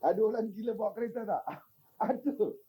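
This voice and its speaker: An older man giving an informal religious talk, animated and teasing, often asking his listeners questions. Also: high voice, a little fast, rough recording. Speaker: religious teacher.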